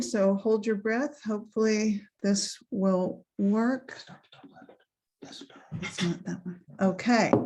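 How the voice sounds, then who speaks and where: A woman reading her own poems aloud over a video call, with spoken asides between them, slow and measured. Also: medium pitch, a little mellow. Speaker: featured poet.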